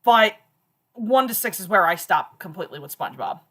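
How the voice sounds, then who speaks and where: A woman's voice: mid-range voice, sing-song, fairly quick, a bit bright. A woman hosting a livestream, chatting casually and laughing often. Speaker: livestream host. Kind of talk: casual chat.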